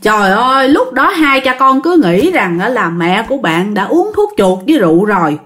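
A woman's voice: on the high side, big pitch swings, moderate pace, a bit bright. A woman telling a ghost story casually, chatty and repetitive, speaking straight to her listeners.

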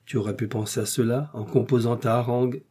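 A man voicing a sarcastic, blunt young gentleman in an audiobook, speaking with mocking emphasis. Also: mid-range voice, fairly even intonation, fast, husky, lightly acted. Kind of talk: audiobook character reading.

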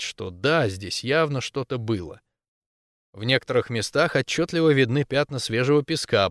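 Guy reading an audiobook in first person, mid-pitched, dry wry delivery, very dry close sound. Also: no echo. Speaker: audiobook narrator.

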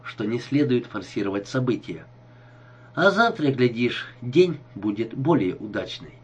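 A man narrating an audiobook in an expressive storytelling manner. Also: mid-range voice, slightly rough, muffled recording.

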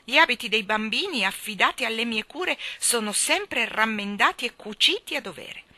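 A woman's voice: fairly high pitch, lively intonation, normal speed, pushed and bright, dry recording, pitched above the performer's own voice. A woman voicing a stern, prim nanny who talks in a sniffy, superior way.

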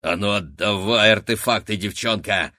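A man voicing a huge, brutish giantess in an audiobook, speaking slowly and threateningly. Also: bright, forceful tone, no room sound, clean studio sound. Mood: bullying. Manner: slow, booming, threatening. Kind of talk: audiobook character voice.

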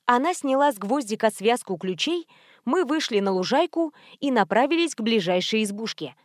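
A woman narrates an audiobook in an even storytelling voice that sits fairly high. The recording is dry and close. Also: moderate pace, no echo.

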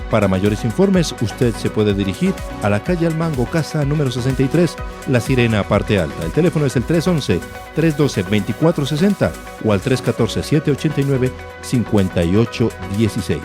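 A man hosting a radio show, reading announcements and respectfully interviewing a guest. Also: medium pitch. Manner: respectful, addresses guest as "madre". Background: music.

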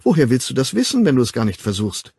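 A man's voice: mid-range voice, huge pitch swings, fast talker, creaky, a little mellow, husky, dry recording, heavily acted. A man reading an audiobook, voicing a bossy young woman who lectures her friend in an emphatic, pushy way. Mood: insistent. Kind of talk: audiobook character voice.

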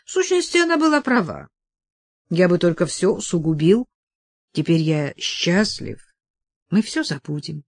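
A woman's voice: on the low side, sing-song, measured pace, pauses often, no room sound, exaggerated voice. A woman reading the lines of a grave, restrained aging nobleman in an audiobook, speaking earnestly.

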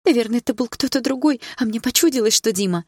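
A woman's voice: a little high, expressive, quick pace, dry recording, studio quality, pitched above the performer's own voice. A woman reading an audiobook, voicing a frantic, tearful young woman who sobs and berates herself over the phone. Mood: shaky, frightened. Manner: sobbing, self-loathing, frantic.

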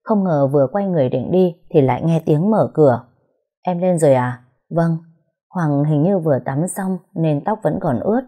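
A woman narrating a story in the first person, calm and unhurried. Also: low voice, husky.

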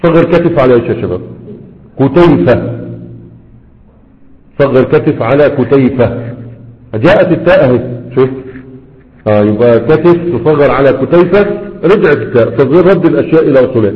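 A man's voice: medium pitch, expressive, a little fast, pauses often. A man teaching a grammar lesson, who asks his students questions and answers them himself. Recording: dull lo-fi with long hall reverb.

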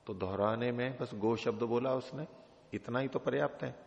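A man's voice: mid-range voice, normal speed, vocal fry, a little mellow. A middle-aged man teaching a classroom lecture on an old text, patiently explaining with repeated examples. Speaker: teacher of philosophy texts. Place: teaching hall at an ashram. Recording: dull reverberant hall recording.

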